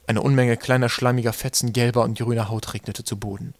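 A man reading an audiobook in calm, steady narration. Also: mid-range voice, brisk, no echo. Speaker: audiobook reader. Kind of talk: scripted narration.

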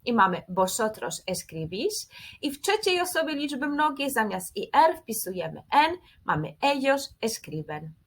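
A woman teaching Spanish grammar in a clear, methodical scripted lesson, repeating each pattern step by step. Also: on the high side, very animated, normal speed.

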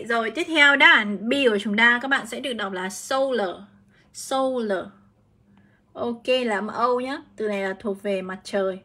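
Her pitch leans high, and her delivery sounds pushed and bright. She is a Vietnamese English teacher running a talkative live-streamed exam prep session, walking through every answer step by step.

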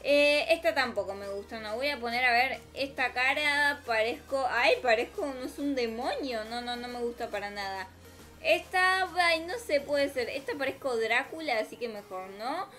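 A gaming video host with an Argentine accent improvises melodramatic role-play commentary over gameplay, addressing both viewers and herself. Her fairly bright, slightly high voice moves at normal speed with barely any pauses. Music plays in the background.

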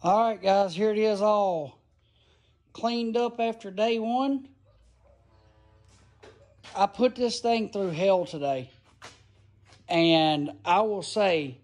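A man's voice: sits high, darkish tone, no room sound. A man giving an enthusiastic, folksy tool review, filmed on a handheld phone outdoors and in a garage. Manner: enthusiastic, folksy, rambling explanations. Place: outdoors in a gravel yard, then a garage. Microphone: phone camera held in hand.

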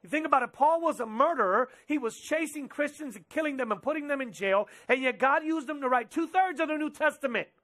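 On a church stage indoors, with drums set up behind, a young man gives a sermon in a high, bright voice. He preaches animatedly, gesturing and tossing in quick quoted asides.

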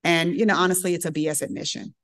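A middle-aged woman physician giving a lecture as a lively, colloquial personal story, acting out the voices she quotes. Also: on the low side, fast talker, gravelly.

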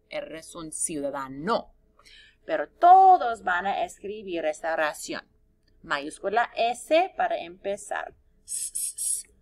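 Woman teacher for young kids, unhurried and careful, sounds out each letter, voice rises and falls a lot. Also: fairly low pitch. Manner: slow, careful, spelling sounds out. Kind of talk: classroom lesson for young children.

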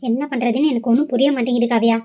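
A woman voicing a bossy, scheming middle-aged mother who talks low and nags insistently, in a cartoon. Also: fairly even intonation, very fast, natural voice. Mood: nagging, scheming. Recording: slightly dull lo-fi audio.

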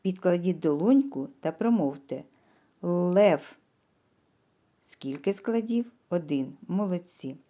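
A patient woman teacher speaks slowly and clearly to small children, asking questions and pausing for the answers. Her voice sits a little low and sounds warm and mellow. She draws words out and stresses each syllable in turn. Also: expressive. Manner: patient, asks questions and leaves pauses for answers. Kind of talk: slow, clear lesson for young children.

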